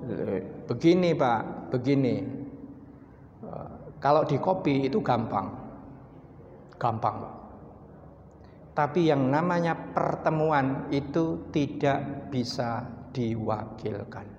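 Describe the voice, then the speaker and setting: A man with a Javanese accent preaching at an evening study gathering, animated, acting out speakers, swinging from low murmurs to loud exclamations. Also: slow pace, long pauses. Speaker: Islamic preacher. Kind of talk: mosque study sermon. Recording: dull, roomy hall recording with faint noise.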